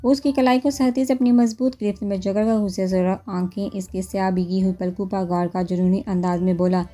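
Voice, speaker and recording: A woman narrating a novel in a steady storytelling manner. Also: medium pitch, faint music behind.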